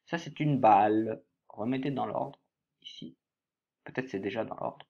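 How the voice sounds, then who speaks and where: A man teaching a workbook lesson to young pupils, slowly spelling words letter by letter and stressing each syllable. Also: lowish voice, vocal fry, warm tone, lo-fi sound.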